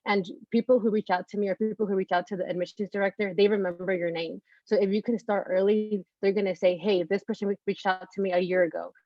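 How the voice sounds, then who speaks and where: A woman's voice: mid-range voice, fairly even intonation, fast, hardly any pauses, darkish tone, dry recording, muffled recording. A woman from California, speaking earnestly as a graduate student panelist and giving advice. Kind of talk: casual panel answer.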